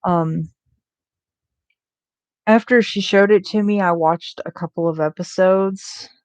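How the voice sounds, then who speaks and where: Young woman vlogger, unhurried meandering talk, slightly low voice, casual cursing. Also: fairly even intonation, a little mellow, dry recording. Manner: rambling with many ums and restarts, casual swearing. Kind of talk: rambling casual chat about shows.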